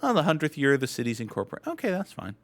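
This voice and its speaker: A man's voice: fairly high pitch, wildly swooping pitch, very fast, faint music behind. A young adult man hosting a gaming channel, giving rambling, wry, self-deprecating commentary as he guesses where and when old photos were taken. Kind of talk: casual commentary while guessing photo locations.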